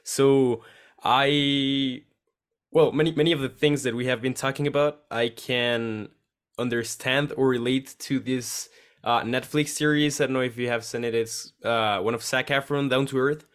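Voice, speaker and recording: A man of mid pitch hosting a casual interview. He speaks haltingly, restarting his sentences and searching for words as he goes. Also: steady tone, a bit bright, clear, resonant tone. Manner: hesitant, many restarts.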